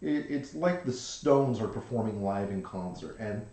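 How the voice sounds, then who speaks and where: A game master narrating a tabletop game in a chatty, animated way. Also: medium pitch, unhurried. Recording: roomy echo.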